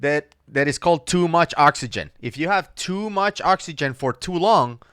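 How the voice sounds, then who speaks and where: A man's voice: on the high side, animated, normal speed, fairly bright tone, smooth, no room sound, studio quality. A man giving casual reaction video commentary as a diver, explaining technical details.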